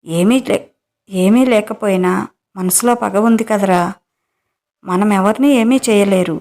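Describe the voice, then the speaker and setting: A woman's voice: medium pitch, unhurried, darkish tone, close to an everyday voice. A woman voicing a wary, worried older man in a romance audio story, with an anxious, questioning manner.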